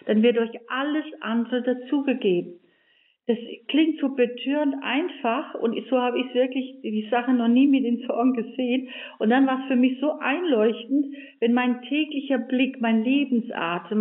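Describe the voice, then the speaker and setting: Earnest older woman on a tinny phone line. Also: fairly high pitch. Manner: earnest, animated storytelling with many fillers. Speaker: guest, religious sister and author. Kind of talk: storytelling in a radio interview.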